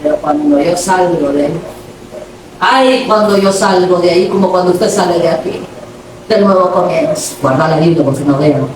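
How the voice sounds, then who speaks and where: A woman preaching a lively sermon in a church hall, playful and dramatic, acting out everyday scenes and calling her listeners brother. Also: lowish voice, normal speed, background noise. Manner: addresses the congregation directly as brother. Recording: echoey hall from far off.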